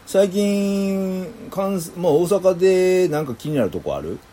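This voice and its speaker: A man's voice: high-pitched, animated, measured pace, warm tone, slight background noise. A man chatting casually with an AI and teasing it playfully. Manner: teasing, playful, slips into Kansai dialect. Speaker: user chatting with an AI. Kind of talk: casual chat.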